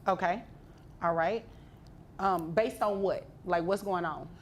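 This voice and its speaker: A woman's voice: on the low side, unhurried, slight background noise. A woman judge questioning a litigant in a courtroom, casual and probing, with dry teasing asides.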